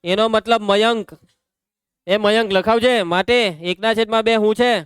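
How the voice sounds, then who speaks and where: High-voiced Gujarati maths teacher. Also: male voice, fairly even intonation, a bit bright, smooth, no room sound, clean studio sound. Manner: calls out students by name, brisk and teasing. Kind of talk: classroom lesson.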